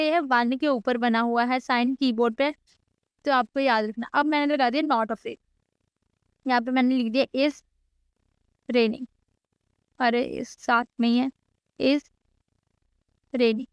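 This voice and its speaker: A woman's voice: high voice, clean tone, dry recording, dull audio. A woman teaching a coding lecture in a chatty way, mixing English code terms into Hindi and adding teasing asides to her students. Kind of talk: casual screen-recorded coding lecture.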